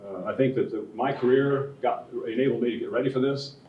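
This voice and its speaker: A man's voice: medium pitch, fairly quick. A man in his sixties, a school board member, speaking at a candidate forum in a chatty, homespun way. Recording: echoey room from far off, dull sound.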